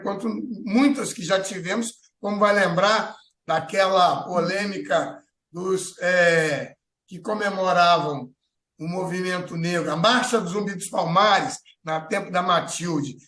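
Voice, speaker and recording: A Brazilian man hosts a talk show, voicing strong opinions. His voice sits high and often hesitates and restarts mid-sentence. The sound carries a clear room echo. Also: fairly bright tone. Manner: thinks aloud with many fillers and restarts. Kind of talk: opinionated political chat.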